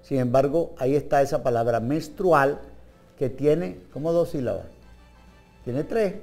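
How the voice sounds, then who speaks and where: A man's voice: mid-range voice, gravelly, a little mellow, faint music behind. A man with a Venezuelan accent hosting a comic TV talk show, reading word trivia in a playful, teasing way. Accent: Venezuelan Spanish. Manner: playful and teasing, jumps between fast asides and slow stressed words. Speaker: TV show host.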